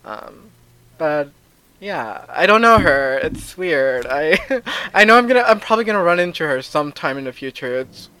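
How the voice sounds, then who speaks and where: A man's voice: on the high side, lively intonation, moderate pace, pushed and bright, a little hiss or hum, poor audio. A man with a lisp that makes his s sounds slushy, chatting candidly and casually as a podcast host.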